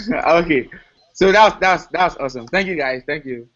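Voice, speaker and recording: A man's voice: fairly high pitch, lively intonation, normal speed, fairly bright tone. A man hosting a casual online discussion, upbeat and friendly, often laughing. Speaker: host. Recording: dull lo-fi online call audio.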